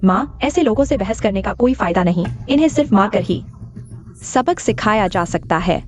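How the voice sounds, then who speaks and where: A woman's voice: medium pitch, lively intonation, normal speed, close to an everyday voice. A woman voicing a spoiled, cruel rich young woman who talks down haughtily in a dubbed drama. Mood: contemptuous. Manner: haughty, commanding.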